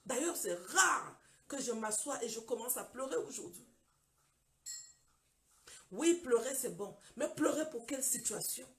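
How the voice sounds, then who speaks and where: A woman preacher with a fairly high voice tells her own story from the pulpit. She talks dramatically and acts out both sides of the conversations. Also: expressive, unhurried, long pauses. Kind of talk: testimony sermon.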